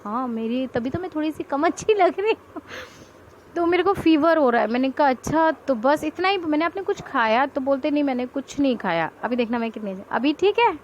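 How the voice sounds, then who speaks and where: A woman's voice: sits high, fairly quick. Young woman vlogger, raised voice, lo-fi home recording with faint hiss. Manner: chatty and animated, laughing often. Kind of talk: casual storytelling to camera. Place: at home with family around.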